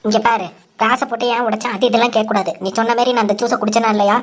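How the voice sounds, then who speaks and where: A woman voicing a quick-tongued, dramatic young daughter-in-law in a cartoon, sassy and defiant. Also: on the high side, flat delivery, lightly acted. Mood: huffy. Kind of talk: cartoon voice acting.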